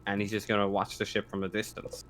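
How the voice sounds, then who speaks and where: A man's voice: on the low side, monotone, fast talker. A man running a tabletop game as game master, narrating the action casually, with faint noise behind him.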